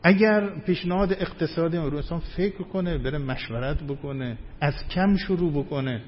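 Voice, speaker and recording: A man giving a measured sermon, his emphasis rising and falling. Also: fairly high pitch, slight background noise. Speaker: cleric. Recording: dull lo-fi recording with faint ambience.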